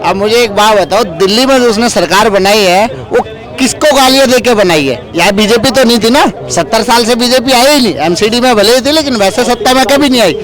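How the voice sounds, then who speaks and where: A man's voice: very high-pitched, fairly quick, a bit bright, low-quality recording. A man giving an argumentative political opinion in casual talk, pressing his case with rhetorical questions. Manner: argues through rhetorical questions. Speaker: street interviewee. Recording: street recording with faint crowd and traffic.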